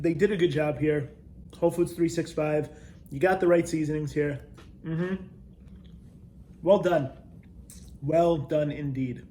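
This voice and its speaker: A man reviewing snacks as a video host, talking casually and chattily with pauses to taste and thoughtful hums. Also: high voice, darkish tone, slight background noise.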